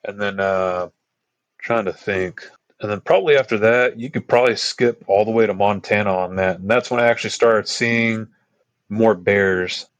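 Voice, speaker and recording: A Texan man with a deep voice tells trail stories on a podcast, rambling casually with plenty of fillers and asides. He speaks at a moderate pace; there's no room sound and the highs are cut off.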